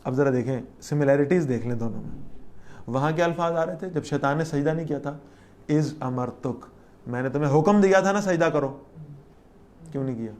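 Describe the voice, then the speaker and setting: Woman teaching Quran. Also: low-pitched. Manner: explains verse by verse, recites Arabic then translates; lively, asks the listeners questions. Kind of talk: Quran lesson.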